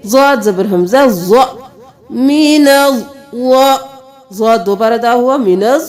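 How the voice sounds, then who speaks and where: Slow, high-voiced woman teaching recitation. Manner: slow, patient spelling of letters, breaking into melodic chanting for verses. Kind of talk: step-by-step tajweed lesson with chanted recitation.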